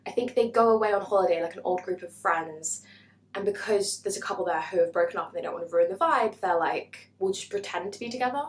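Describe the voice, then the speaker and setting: A woman's voice: medium pitch, fast. A woman, chatting bubbly and self-mocking through a book haul vlog. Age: 20s. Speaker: booktuber. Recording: echoey room.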